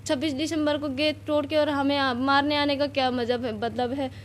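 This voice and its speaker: A shaken woman from Nepal tells what happened in a high voice, rambling and plain. Faint ambient noise hums behind her. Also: fairly even intonation, normal speed. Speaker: interviewee, assault victim. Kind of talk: news interview answers.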